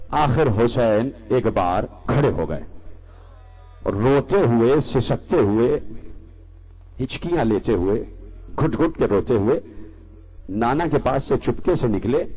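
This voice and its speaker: A cleric from Pakistan leads a mourning sermon at a mid-range pitch. His preaching is rhythmic and impassioned, and he repeats key phrases to drive them home. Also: mellow, rough recording. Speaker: Shia cleric.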